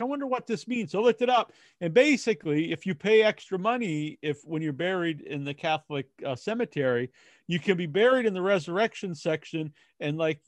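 An American man chatting casually as a podcast co-host, telling things in a rambling, halting way with false starts. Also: high voice, no room sound. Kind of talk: casual chat.

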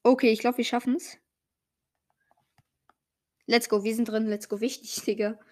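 A young, slangy gamer giving excited casual commentary while playing, full of exclamations and swearing. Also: medium pitch, measured pace. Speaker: gaming streamer playing a party game.

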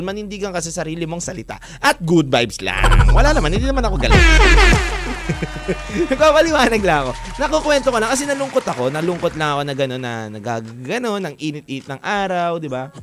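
Lively high-voiced male DJ host. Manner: animated, keeps calling listeners "mga kawan". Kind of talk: casual radio-style storytelling to listeners.

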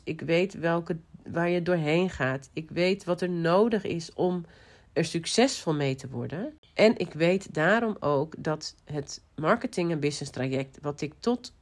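A middle-aged woman, a business coach, talking casually and lively, with restarts and fillers. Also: sits low. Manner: lively, tumbling sentences with many restarts and fillers. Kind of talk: casual monologue, podcast-like.

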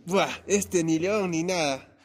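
A man's voice: high voice, slow pace. [name], a man voicing a cocky mocking cat. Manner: mocking, bossy. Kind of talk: children's story acting.

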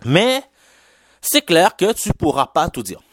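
A young Québécois podcast host with a slight Haitian lilt rambles through a solo monologue, full of fillers, restarts and English slang. His pitch swings up and down with plenty of life, but he takes his time with the words. The recording is close and dry, with no room sound. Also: sing-song, slow, fairly bright tone, no room sound. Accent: Québécois French with a slight Haitian touch. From Quebec.

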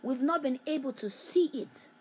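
A woman's voice: high voice, normal speed, low-quality recording. A woman preaching a prophetic sermon, repeating phrases with emphatic, rhythmic delivery. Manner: repetitive, emphatic, preacher's cadence.

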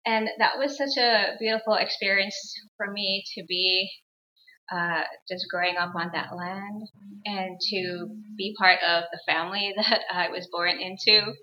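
A young adult woman from Guyana, a guest healer and educator, telling her life story in a measured, earnest way with frequent pauses. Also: mid-range voice, steady tone, slight background noise. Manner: measured, earnest, pausing often. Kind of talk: reflective personal storytelling. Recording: roomy, dull lo-fi sound.

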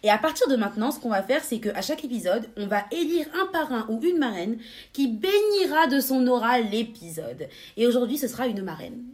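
Young woman co-host, bubbly, quick to laugh, slightly high voice. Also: expressive, a little mellow. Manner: bubbly, laughs often, many fillers. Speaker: podcast co-host. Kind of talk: casual podcast chat.

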